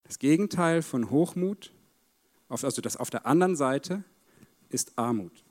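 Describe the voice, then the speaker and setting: A man with a noticeably high voice gives a sermon. His delivery is emphatic. He drops low and quiet, then lifts his voice to press a point home. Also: lively intonation, moderate pace. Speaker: preacher.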